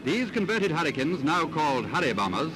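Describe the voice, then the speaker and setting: A man gives 1940s newsreel commentary, brisk and declamatory. His voice is fairly high. Loud music and gunfire almost bury him. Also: very animated, rough recording.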